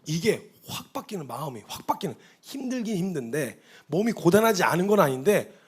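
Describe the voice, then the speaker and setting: A man's voice: on the high side, sing-song, brisk, husky. A man giving a conversational testimony sermon as a missionary preacher, in an earnest, confessional storytelling way. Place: church hall.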